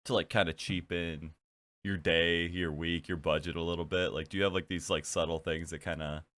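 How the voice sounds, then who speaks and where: The podcast host, a young man whose nose is blocked by allergies, talks at normal speed in a deep, steady, slightly bright voice. He rambles through the casual conversation, full of filler words and giggles.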